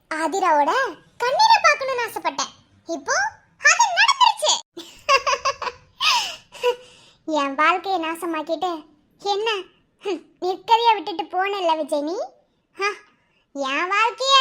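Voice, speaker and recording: A woman's voice: extremely high pitch, a bit bright, heavily acted. An actress playing a vengeful, scheming wife who taunts her husband with mocking laughter. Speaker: villain. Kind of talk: TV serial dialogue.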